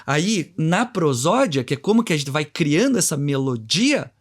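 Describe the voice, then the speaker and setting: A man's voice: a little high, big pitch swings, normal speed. Didactic Brazilian man explaining. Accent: Brazilian Portuguese. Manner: didactic, plays with his own intonation and contrasts while explaining; acts out short dialogues to give examples. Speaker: communication and NLP trainer, guest. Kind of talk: explanatory interview talk.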